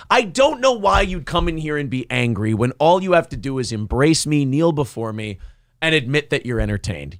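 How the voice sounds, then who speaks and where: A man with a slightly high voice hosts a live talk show in a very dry-sounding space. He banters cockily, swears freely, and needles listeners with mock apologies. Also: fairly bright tone, no room sound. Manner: cocky, taunting, mock-apologetic; profane.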